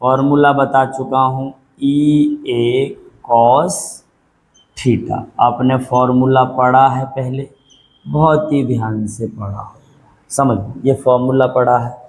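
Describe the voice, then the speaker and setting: A man's voice: mid-range voice, fairly even intonation, slight background noise, rough recording. Patient male teacher quizzing and repeating. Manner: repetitive call-and-response questioning; patient, dictates slowly for note-taking. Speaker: physics teacher. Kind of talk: classroom lecture.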